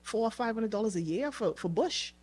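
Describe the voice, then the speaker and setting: A young woman from the Bahamas, talking casually as a podcast guest, relaxed and chatty, laughing easily and repeating words as she goes. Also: a little high, a little fast, breathy edge. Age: young adult. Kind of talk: casual interview chat.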